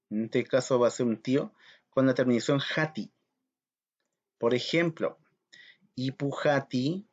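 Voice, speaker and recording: A male teacher walks learners through a language lesson at an unhurried pace, repeating each word. His voice sits at an ordinary middle pitch. The recording sounds dull and muffled. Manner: slow, patient, repeats words for practice.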